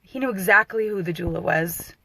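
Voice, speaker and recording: A doula telling a personal birth story, her voice emotional and close to tears, halting with frequent restarts. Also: medium pitch, vocal fry, bright, forceful tone, slight background noise, low-quality recording.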